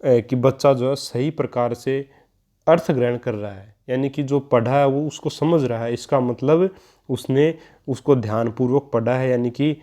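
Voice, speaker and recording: A man's voice: medium pitch, warm tone. A man, teaching an online exam-prep lesson and explaining each answer step by step to the listeners he calls friends.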